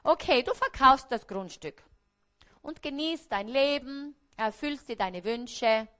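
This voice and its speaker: A woman with an Austrian accent, preaching a parable on stage before an audience, often dropping to a hushed, quiet voice. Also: high-pitched, expressive, slow, clear, resonant tone. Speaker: stage speaker.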